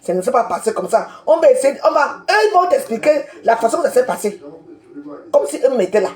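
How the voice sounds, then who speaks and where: A woman's voice: high-pitched, very animated, fairly quick, darkish tone. A woman from Cameroon, ranting on a live video and confronting people by name, repeating herself as she goes. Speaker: social media commentator. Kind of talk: heated live-video rant. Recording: roomy echo.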